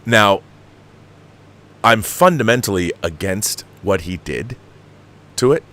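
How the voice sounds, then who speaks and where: This American film commentator, a man in his fifties, answers viewer questions with plenty of opinion. The voice is lowish and a bit bright, with lively intonation and an unhurried pace. Exasperated and emphatic, he frequently repeats himself for emphasis.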